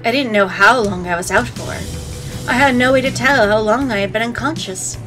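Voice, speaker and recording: A woman's voice: on the high side, moderate pace, low-quality recording. Playful woman narrating a game over music. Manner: playful, sassy asides. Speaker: let's play host. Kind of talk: reading game narration aloud with joking commentary. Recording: faint game music behind.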